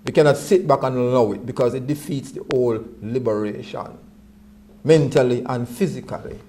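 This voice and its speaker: A man's voice: mid-range voice, moderate pace, warm tone, slight background noise. A man speaking in a Rastafarian manner, reasoning earnestly and often repeating words as he reaches for his point.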